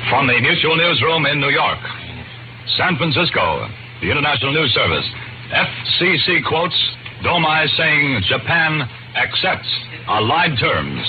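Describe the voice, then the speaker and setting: A man reading an urgent news wire bulletin as a 1940s radio newsroom announcer, formally and deliberately repeating each phrase. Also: a little high, very animated, phone-quality sound, background noise. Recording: band-limited 1940s radio broadcast, music behind.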